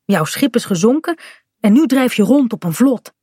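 A woman's voice: a little high, moderate pace, husky, no room sound, studio quality, pitched above the performer's own voice. A woman reading a storybook aloud, voicing a playful, bossy young girl who plays a pirate captain. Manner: lively, bossy play-acting.

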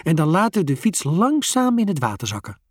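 A storyteller voicing Geert, a cheeky, mischievous young boy in a children's storybook, high and giggly. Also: big pitch swings, fairly quick, slightly rough, dry recording, clean studio sound. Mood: scheming.

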